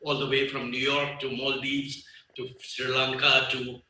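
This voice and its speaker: A man in his sixties from Nepal with a Nepali accent, giving a guest speech at a business conference in a large hall. He is emphatic, repeats his key phrases and pauses with fillers. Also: mid-range voice, monotone, sharp tone, a little hiss or hum. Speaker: business leader, guest speaker. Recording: echoey hall, voice far from the mic.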